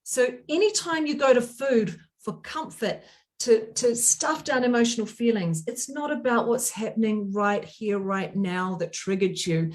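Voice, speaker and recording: A middle-aged woman with a voice that sits a bit higher than most gives a motivational talk on emotional eating. She speaks straight to her listener, with urgent and emphatic delivery.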